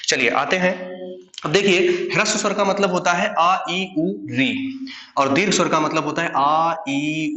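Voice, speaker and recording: A man's voice: sits high, bright, forceful tone, echoey room. A young man teaching a grammar lesson to online students, who asks questions and then answers them himself.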